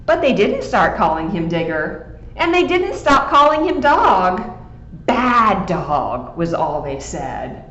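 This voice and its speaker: A woman librarian reads a picture book aloud slowly, her voice swinging up and down with lots of expression. She asks the children questions as she goes. The sound is echoey and a bit dull, with a faint hiss behind her. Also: mid-range voice, very animated, fairly bright tone.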